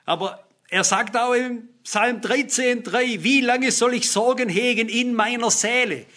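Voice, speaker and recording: A man's voice: very high voice, measured pace, bright, forceful tone. A man preaching a sermon, reading Bible verses aloud and explaining them earnestly and emphatically.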